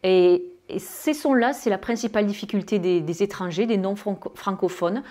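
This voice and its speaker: A woman with a southern French accent teaching English pronunciation to French speakers, with many fillers and pauses, who draws out her English example words. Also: mid-range voice, dark tone. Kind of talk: spoken lesson.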